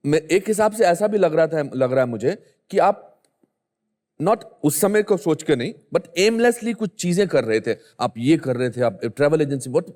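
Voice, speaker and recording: A man's voice: fairly high pitch, lively intonation, normal speed, a little mellow, big-room sound. An older man hosting a chat show, drawing out his guest with engaged questions and short prompts. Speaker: host.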